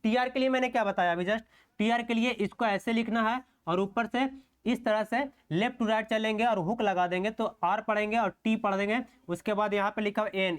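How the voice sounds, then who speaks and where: A man's voice: sits high, fairly bright tone, clean tone. A man teaching an online shorthand class, walking through strokes step by step, often asking rhetorical questions and checking in with "okay". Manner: slow, step-by-step explanation while writing strokes.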